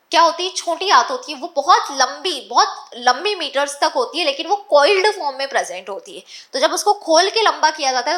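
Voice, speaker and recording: Bright high-voiced woman teaching biology. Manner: keeps asking rhetorical questions and answers them herself; repeats key points. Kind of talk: exam-focused lecture.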